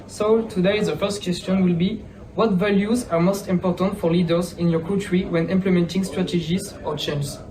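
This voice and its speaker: A man's voice: high voice, steady tone, normal speed, mellow. A twenty-year-old man hosting a student panel, politely asking questions. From France. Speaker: host of the student podcast. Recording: distant mic, noisy room.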